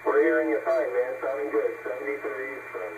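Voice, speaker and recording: A man's voice: mid-range voice, a little fast. Man's voice over a hissy CB radio. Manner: relaxed, easygoing radio lingo. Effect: received over CB sideband radio, slightly off frequency. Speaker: CB radio operator. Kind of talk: casual radio chatter. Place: remote station heard through a CB receiver. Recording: tinny, hissy distant CB radio signal.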